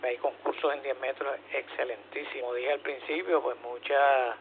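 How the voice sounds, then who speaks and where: A man's voice: medium pitch, steady tone, normal speed. A man with a Puerto Rican accent running an amateur radio net, explaining informally in short phrases with frequent questioning tags, over two-way radio. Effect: two-way radio transmission. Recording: phone-like narrowband radio, hum, faint noise.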